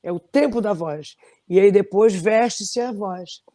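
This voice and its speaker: A middle-aged woman from Belém, Brazil, with a Brazilian Portuguese accent, a singer telling animated stories in an interview with many restarts. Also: medium pitch, a little slow. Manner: animated storytelling, frequent restarts. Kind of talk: conversational interview.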